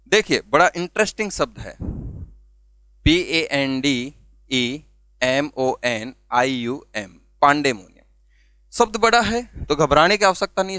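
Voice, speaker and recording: Patient male tutor, slow and deliberate, dry close sound. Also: fairly high pitch, sharp tone, clean tone, no room sound. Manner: repeats questions and answers them himself, spells words letter by letter. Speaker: English vocabulary teacher. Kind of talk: classroom-style video lesson.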